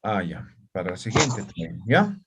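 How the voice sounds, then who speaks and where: A man's voice: fairly low pitch, big pitch swings, moderate pace, very noisy. A man teaching an online class in Spanish and Aymara, often checking whether his students follow. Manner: asks frequent check questions.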